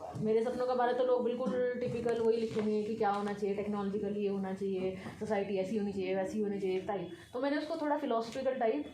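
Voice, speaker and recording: A woman's voice: medium pitch, fairly even intonation, fast, hardly any pauses, echoey room, noisy background. A woman in her thirties from India, a civil servant giving earnest, conversational exam advice. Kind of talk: casual advice talk.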